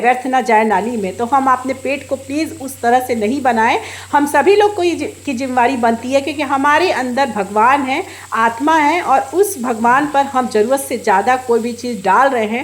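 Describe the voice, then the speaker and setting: Loud high-voiced woman vlogger. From India. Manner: loud, emphatic, scolding-sounding delivery. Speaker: vlogger and housewife. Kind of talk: voice-over vlog narration. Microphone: no external mic for voice-over.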